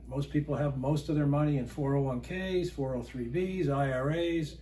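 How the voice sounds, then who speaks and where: A man who works as a financial advisor, calmly explaining money planning in a casual chat. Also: on the high side.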